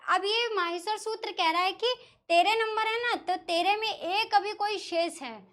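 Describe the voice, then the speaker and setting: High, bright-voiced woman teaching slowly. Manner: explains step by step, asks questions and answers them herself. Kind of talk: classroom lesson explaining Sanskrit pronunciation.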